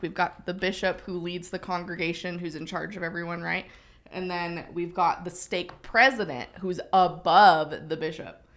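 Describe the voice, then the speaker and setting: Low-voiced wry woman co-host. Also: a bit bright. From Utah. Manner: wry, teasing storyteller. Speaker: podcast co-host. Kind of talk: casual chat.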